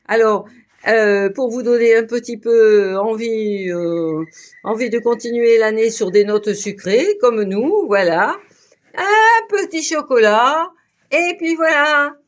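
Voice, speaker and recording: A woman's voice: medium pitch, darkish tone. Chatty woman showing off sweets, a bit tipsy. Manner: chatty, playful, with many fillers and restarts. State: a little tipsy from champagne. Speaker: video channel host. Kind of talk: casual food presentation to camera.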